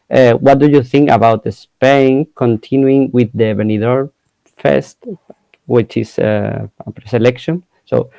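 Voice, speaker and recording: Male interviewer, slow pace, dark mellow tone, halting non-native English, close dry sound. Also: medium pitch, vocal fry, no echo, low-quality recording. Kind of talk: hesitant interview hosting.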